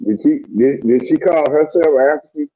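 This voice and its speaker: A man's voice: a little high, moderate pace, breathy edge. A man joining a casual group chat over a muffled mic that makes him sound underwater, stammering as he repeats the same question. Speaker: call-in participant.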